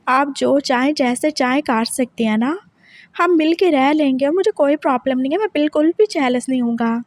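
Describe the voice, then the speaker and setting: A self-effacing young man speaks in a subdued, hesitant way, as a woman voices him. The voice is high and the recording is dry and close. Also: normal speed, no room sound, close to an everyday voice. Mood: reassuring.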